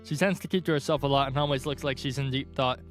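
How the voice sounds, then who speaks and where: A man's voice: mid-range voice, fast talker, natural voice. A young man reading the lines of a friendly, earnest schoolgirl in a visual novel, in close to his own voice. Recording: faint guitar music underneath. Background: soft guitar music.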